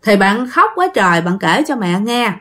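A woman's voice: mid-range voice, very animated, moderate pace, pushed and bright. A woman with a Southern Vietnamese accent narrating a ghost story casually, addressing her listeners.

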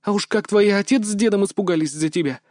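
A lively teenage girl, voiced by a man in an audiobook, teasing and chirpy. The voice sits high and bright, and the recording is dry and close. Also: quick pace, no room sound, close to an everyday voice. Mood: excited. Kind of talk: audiobook character voice.

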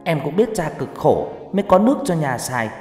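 A man's voice: medium pitch, expressive, reverberant, in a large hall, faint music behind, lightly acted. A man voicing a frightened young boy who stammers and pleads his innocence. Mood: pleading, defensive. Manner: stammering, pleading, quick and defensive. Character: frightened defensive boy Nam.

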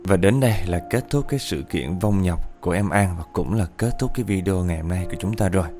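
A man telling a ghost story in a chatty, animated way, often speaking to his listeners. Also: low voice, quick pace, soft background music. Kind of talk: casual ghost-story narration.

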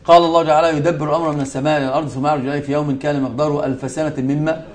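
A sheikh teaching a religious lesson to students, speaking emphatically, repeating key words, quoting scripture and breaking off for quick asides to the class. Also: male voice, on the high side, flat delivery.

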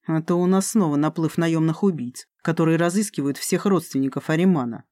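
The audiobook narrator voicing a male dark god who drawls his orders with smug command. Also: medium pitch, fairly quick, no echo, clean studio sound, lightly acted. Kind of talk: audiobook character reading.

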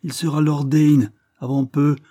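Male reader doing a dying old lord: commanding, pushing his voice higher and louder for emphasis, husky. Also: normal speed, no echo, studio quality, natural voice. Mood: emphatic. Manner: insistent, rising to sharp emphasis. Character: aging dying English lord, urgent and commanding.

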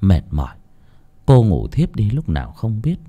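A man narrating a story in an unhurried, dramatic way. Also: lowish voice, wildly swooping pitch, warm tone, slightly rough. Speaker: audiobook narrator.

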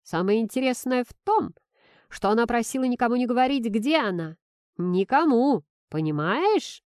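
A woman's voice: fairly high pitch, lively intonation, normal speed, darkish tone, clean tone, dry recording, clean studio sound, pitched above the performer's own voice, lightly acted. A woman reading a storybook, voicing a middle-aged male boss who drawls and answers evasively. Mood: smug, drawling. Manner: drawling, mocking, curt.

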